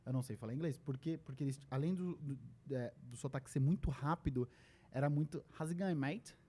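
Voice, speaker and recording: A man's voice: medium pitch, fairly quick, slightly rough. A young adult man with a Brazilian Portuguese accent, a podcast guest telling stories in casual conversation and acting out the lines he quotes. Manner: animated storyteller who acts out quoted lines.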